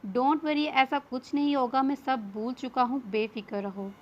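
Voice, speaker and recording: Woman reading a calm teasing young man. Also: sits high, a little slow. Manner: teasing, relaxed replies. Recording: dull lo-fi with faint hiss.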